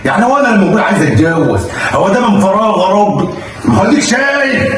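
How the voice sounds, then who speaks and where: A man with an Egyptian accent acting a comedy sketch, loud, exasperated and cursing. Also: high voice, lively intonation, quick pace, noisy background. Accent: Egyptian Arabic. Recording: echoey room, far from the mic.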